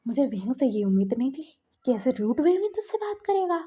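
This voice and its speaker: A woman doing a bossy, protective young man in a read-aloud story, higher voice, mellow tone. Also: sing-song, fairly quick, husky, heavily acted. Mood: stern. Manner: scolding, bossy. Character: protective, scolding young man, best friend.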